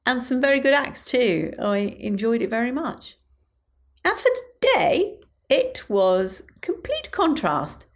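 A woman's voice: on the high side, big pitch swings, takes it slowly. A woman with a British accent, chatting through an audio diary as a podcast host. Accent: British English.

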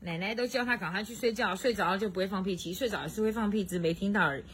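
A woman reading a children's storybook aloud at home to a child, very expressive and stopping to chat with the child. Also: medium pitch, rapid-fire, slight background noise. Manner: expressive, swoops up for excitement, chats with the child.

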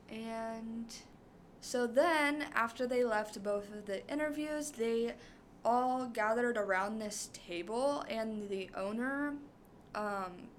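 A woman's voice: a little high, a little hiss or hum. A young woman co-hosting a podcast, recapping a show in casual chat, rambling with many fillers. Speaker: podcast co-host.

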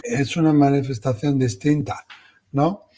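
A man's voice: medium pitch, fairly even intonation, a little slow, warm tone. A man co-hosting the show, talking casually and speaking directly to the caller to reassure her. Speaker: medium and co-host. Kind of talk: casual explanatory talk.

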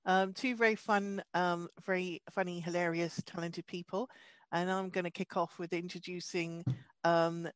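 A woman comedian co-hosts a chat show, chatting casually and introducing guests with easy laughter and stumbling restarts. Her voice is lowish and flat at normal speed. There is no room sound.

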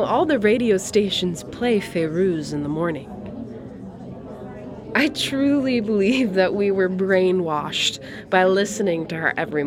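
An actress with a medium-pitched voice plays a proud, wistful Syrian refugee woman in her sixties, a retired art teacher. Her dramatic monologue is staged as an intimate coffee shop chat, reflective and conversational, with pauses between phrases. Cafe crowd chatter runs behind her voice.

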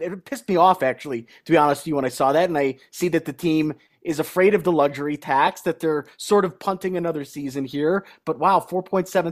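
A man co-hosting a casual sports podcast, ranting in a heated, indignant way. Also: a little high. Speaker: podcast co-host.

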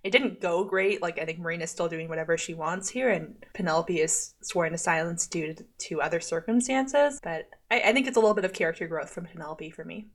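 A woman's voice: fairly low pitch, a little fast, hardly any pauses. Chatty woman podcast co-host. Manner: chatty, many "like" fillers, laughs often. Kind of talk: casual chat recapping a TV episode.

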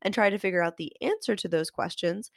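A woman's voice: medium pitch, fast, creaky, no echo, clean studio sound. A woman with a nasal voice, congested from a cold, hosting a scripted, articulate lesson and explaining things directly to listeners. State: getting over a cold. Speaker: host of a fiction writing show, author. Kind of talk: scripted instructional narration.

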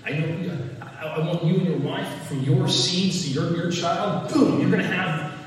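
A man voicing God as an eager, generous father figure who speaks quickly and enthusiastically. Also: high-pitched, pitched above the performer's own voice, natural voice. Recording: echoey hall, distant mic.

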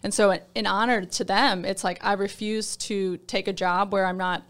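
A woman's voice: mid-range voice, fairly even intonation, normal speed, fairly bright tone, smooth. A young woman talking casually in an interview, friendly and chatty.

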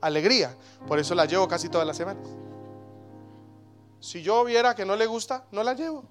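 A man in his thirties preaching a sermon as pastor, animated, with sudden loud exclamations. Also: high voice, fairly quick, over music.

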